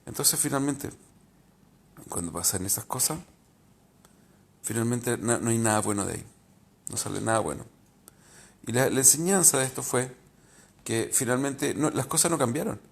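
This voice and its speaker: A man's voice: mid-range voice, lively intonation, moderate pace, gravelly, long pauses, husky. A man, a rabbi giving an informal spiritual talk, candid and reflective, often hesitating and restarting.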